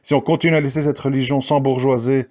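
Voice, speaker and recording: A man's voice: mid-range voice, little pitch movement, quick pace, a little mellow. A man delivering a combative spoken monologue, challenging his listeners and mocking the people he criticizes. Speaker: commentator. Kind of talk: ranting monologue.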